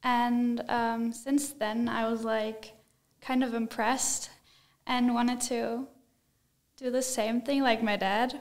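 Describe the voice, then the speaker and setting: A teenage girl from Germany speaks, hesitant and full of fillers. Her voice sits a little high. She talks into a desk mic in a small studio. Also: flat delivery, slow pace, a little mellow. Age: teens. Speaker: exchange student guest. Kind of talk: casual interview answers. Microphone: desk mic with headphones.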